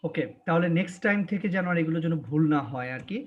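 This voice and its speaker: Male English teacher, Bangladeshi accent, high voice, slow drilling of each word, dull online-class audio. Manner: stretches words slowly to drill pronunciation. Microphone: video call.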